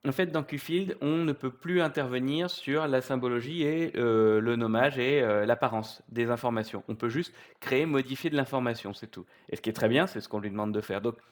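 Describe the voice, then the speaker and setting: A man of middle pitch walks through a software tutorial off the cuff, pausing often with fillers and restarting his sentences. His delivery is relaxed and explanatory, recorded on a computer mic while he works on screen. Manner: hesitant, many fillers and restarts.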